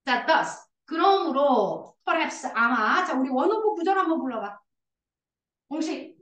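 Lively high-voiced woman teacher, roomy. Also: slow pace, recorded from a distance. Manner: coaxing, asks students questions and answers herself. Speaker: high school English teacher. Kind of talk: classroom lecture explaining a reading passage. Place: classroom.

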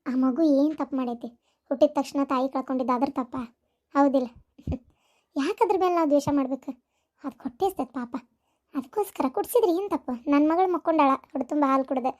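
A woman voicing a kind young mother in a cartoon, with a North Karnataka accent and a gentle, earnest way of talking. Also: sits high, fast, natural voice. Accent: North Karnataka Kannada. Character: kind young mother Anu, warm-hearted.

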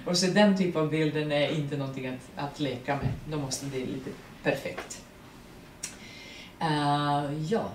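A woman with a Serbian accent and Serbian as her first language, speaking as the guest at a public artist talk, animated, laughing often and searching for words. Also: low-pitched. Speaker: guest actress. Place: print workshop event room. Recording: roomy, distant mic, faint noise.

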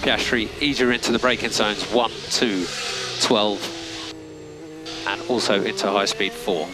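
Over a noisy motor racing team radio with vehicle noise behind him, a race engineer gives clipped, matter-of-fact instructions and reads out timing figures. His voice is on the low side, steady and slightly slow.

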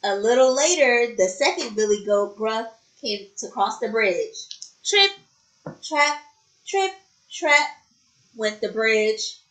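A woman preschool teacher reading a story aloud expressively to children and explaining a craft activity. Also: mid-range voice. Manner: slow, expressive, talking to children. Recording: roomy echo.

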